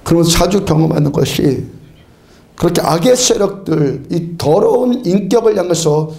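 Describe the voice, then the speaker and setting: A male pastor preaches an emphatic sermon in an echoey church sanctuary, urging his congregation with firm commands and often breaking into laughter. His voice sits on the high side, creaky yet mellow, with lively intonation at a normal speed.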